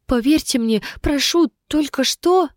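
A woman's voice: sits high, unhurried, no room sound, studio quality, pitched above the performer's own voice. A woman voicing a frightened young male soldier who pleads in a breathless, half-whispered way. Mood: terrified.

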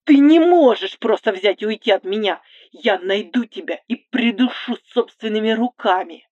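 A woman's voice: medium pitch, animated, normal speed, a little mellow, no room sound, highs cut off, lightly acted. A woman reading the part of a selfish, controlling young man who commands and threatens his girlfriend. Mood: furious. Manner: commanding and menacing, turns coaxing.

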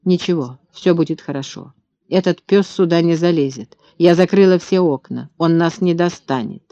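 A man voicing a frightened young mother who speaks in a hushed, anxious, soothing way, in a dull, dry recording. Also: on the high side, moderate pace, no echo, close to an everyday voice.

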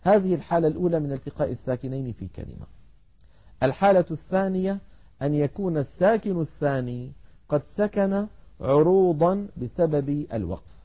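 Measured male tajweed teacher, muffled sound. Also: a little high, animated. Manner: measured explanatory delivery, drawing out example words slowly. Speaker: Quran recitation teacher. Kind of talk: televised tajweed lesson.

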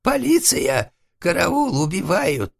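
A man voicing a timid, easily frightened hermit who whines and wails in a shrill, trembling voice, in an audiobook. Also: lively intonation, measured pace. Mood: panicked. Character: frightened, whimpering male hermit behind a door.

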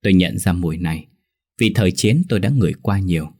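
A man reads a first-person ghost story aloud, tense and measured. His voice is very deep with a husky, breathy edge. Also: darkish tone.

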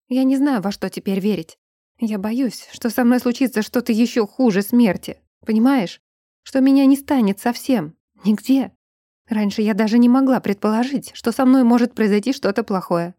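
A woman's voice: a little high, moderate pace, mellow, no echo, studio quality, lightly acted. A woman voicing a frightened young vampire woman who pleads and raises her voice, in an audiobook. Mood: tearful fearful. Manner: pleading, raised voice when upset.

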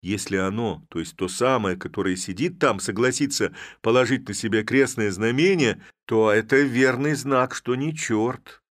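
A fussy, cautious village clerk in a storybook reading, nervously reasoning with the crowd, as a male narrator puts him on. His voice is lifted and a little loud. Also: mid-range voice, normal speed, hardly any pauses, no echo, clean studio sound, pitched above the performer's own voice, natural voice. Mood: nervous urging.

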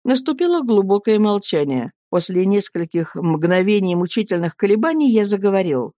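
A woman narrating a classic novel in a measured, expressive audiobook reading. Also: mid-range voice, no echo, clean studio sound. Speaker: audiobook reader.

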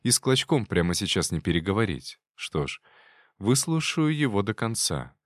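A man narrating a first-person audiobook in a measured, wry inner-monologue manner. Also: fairly low pitch, big pitch swings, no echo, studio quality.

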